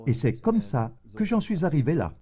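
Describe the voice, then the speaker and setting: A man voicing an interview guest's answers in a measured, explanatory way. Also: on the high side, very animated, mellow.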